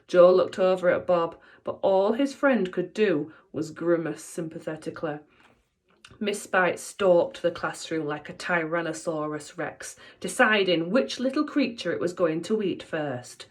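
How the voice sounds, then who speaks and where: A woman teacher reading a children's book aloud, with expressive, playful storytelling. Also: fairly low pitch, a little slow.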